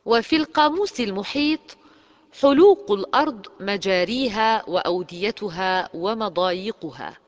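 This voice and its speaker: A teacher reads dictionary entries aloud in a careful, precise way. The pitch swings widely from phrase to phrase. A long reverb trails behind every word. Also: a bit bright, dull audio. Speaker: Arabic language teacher. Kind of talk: scripted lexicon lesson.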